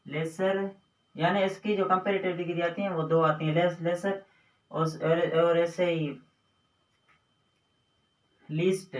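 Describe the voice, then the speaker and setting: A male teacher with a high voice explains grammar slowly and patiently, stretching out words and repeating points. He sounds set back from the mic, and the room gives his voice a roomy echo. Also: flat delivery. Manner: slow, repetitive explaining with drawn-out words. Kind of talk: Hindi grammar lesson on English adjectives. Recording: echoey room, voice from a distance.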